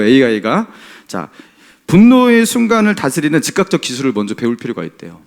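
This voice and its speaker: A man delivers a Sunday sermon from the pulpit in a chatty, engaging way, often turning to the congregation with quick rhetorical questions. His voice sits slightly high and moves through a lively, wide-ranging pitch. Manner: conversational preaching, frequent rhetorical questions to the congregation. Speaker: pastor.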